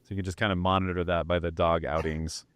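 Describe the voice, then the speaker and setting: A man's voice: low voice, little pitch movement, fast, dry recording. A man from Central Washington, a guest on a podcast, chatting in a laid-back way. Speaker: podcast guest, company co-founder. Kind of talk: casual chat.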